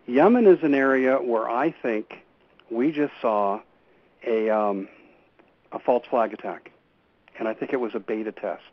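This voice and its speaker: A man's voice: medium pitch, a little slow, pauses often, no echo. A man speaking as a guest on a radio show, earnestly laying out urgent warnings and often restarting his sentences. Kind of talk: call-in radio interview. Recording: dull lo-fi radio audio.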